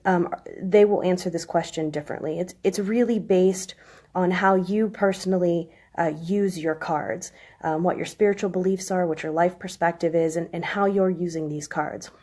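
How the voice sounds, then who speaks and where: A woman in her thirties with a chest cold, hoarse with a smoker's rasp, giving a halting, informal explanation on a live stream. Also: fairly low pitch, steady tone, dark tone. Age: 30s. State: chest cold, coughing and clearing throat. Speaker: live stream host, tarot reader. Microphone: phone.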